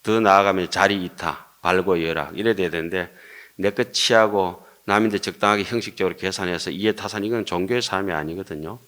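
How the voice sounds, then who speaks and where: Older monk with Gyeongsang accent. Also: male voice, low voice, fairly quick, fairly bright tone. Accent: Gyeongsang Korean. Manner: earnest, rhetorical questions, jokes with audience. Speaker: Buddhist monk lecturer. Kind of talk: dharma lecture.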